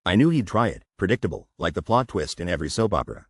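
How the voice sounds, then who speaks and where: A man's voice: low-pitched, sing-song, fast talker, no echo, clean studio sound. A man narrating a comic recap as scripted voice-over, wisecracking with playful asides.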